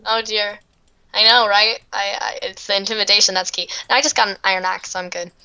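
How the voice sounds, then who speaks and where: A woman's voice: medium pitch, fairly even intonation, a little fast, bright, forceful tone, clean tone. A woman playing a game with a friend, giggling often and teasing playfully. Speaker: guest player. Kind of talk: casual gaming chat.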